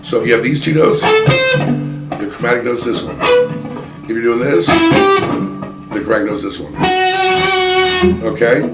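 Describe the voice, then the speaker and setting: A man teaching a guitar lesson in a chatty, self-deprecating way, pausing to play examples. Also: mid-range voice, lively intonation. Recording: roomy sound with loud guitar playing. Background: electric guitar playing.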